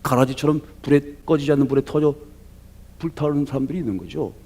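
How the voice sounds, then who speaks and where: A male pastor giving a lively sermon, asking the congregation rhetorical questions and acting out voices from the story. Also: medium pitch, fast, vocal fry, husky.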